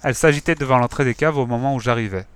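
A man reading out a gently firm mother from a children's storybook, in a medium pitch. The sound is close and dry. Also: rapid-fire, clear, resonant tone, no echo, lightly acted.

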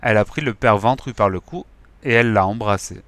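Bright-voiced male storybook narrator. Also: fairly low pitch, a little fast, dry recording. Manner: lively, expressive storytelling. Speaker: audiobook narrator. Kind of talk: scripted children's story narration.

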